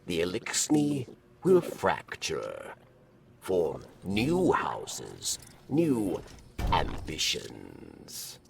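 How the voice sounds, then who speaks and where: A man voicing a solemn, cryptic alien sage in a video game, with halting, portentous delivery. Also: low voice, huge pitch swings, gravelly, background noise, full character voice. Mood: solemn, foreboding. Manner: halting, portentous, third-person speech.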